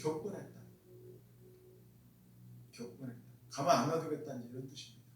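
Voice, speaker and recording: A man preaching a sermon with emphatic repetition, putting questions to the congregation. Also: high-pitched. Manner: emphatic, repeats key phrases, asks the congregation questions. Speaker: pastor. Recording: very echoey room, mic far off.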